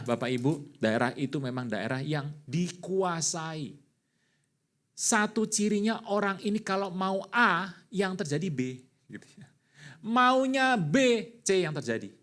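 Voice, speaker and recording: A middle-aged man, a pastor, preaching a sermon in an animated way, with sudden loud bursts. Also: fairly high pitch.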